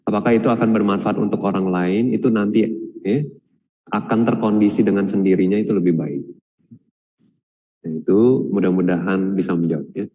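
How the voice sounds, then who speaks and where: A man's voice: on the low side, steady tone, brisk, pauses often, dark tone, muffled recording. A man, a Buddhist monk, answering a question in a dharma talk, retelling a story with quoted voices and many fillers. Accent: Indonesian. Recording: long hall reverb.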